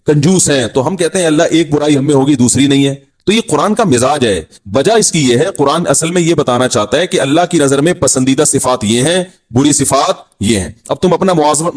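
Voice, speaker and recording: A middle-aged man with a Pakistani Urdu accent gives a humorous sermon, often mimicking people in a lowered voice. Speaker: Islamic preacher.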